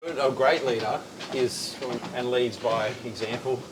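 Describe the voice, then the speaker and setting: A man's voice: medium pitch, a little slow. A man in a casual interview chat, talking while exercising on a treadmill as a company founder. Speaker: gym company founder and CEO. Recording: loud ambient noise behind voice.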